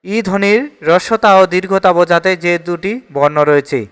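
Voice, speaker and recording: A man's voice: sits high, a little fast, fairly bright tone, clear, resonant tone, long reverb tail. A man with a Bangladeshi Bengali accent teaching an exam-prep grammar lesson, steadily reading each question and repeating the answer.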